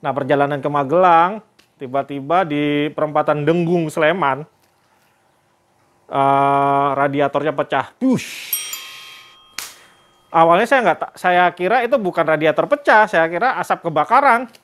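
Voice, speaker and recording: A man's voice: a little high, moderate pace, fairly bright tone. A man vlogger telling a story in a casual, chatty way and addressing his viewers directly. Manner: religious greetings and expressions.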